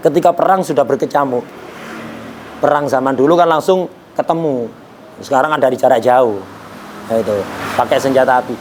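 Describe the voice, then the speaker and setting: A man's voice: medium pitch, a little fast, long pauses, slight background noise. A man teaching an Islamic jurisprudence lesson in a conversational way, asking rhetorical questions and joking. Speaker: religious teacher.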